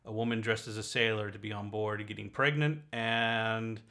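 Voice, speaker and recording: A man's voice: lowish voice, fairly even intonation, moderate pace, bright, forceful tone. A man in a casual, explanatory conversation, piecing his thoughts together as he goes.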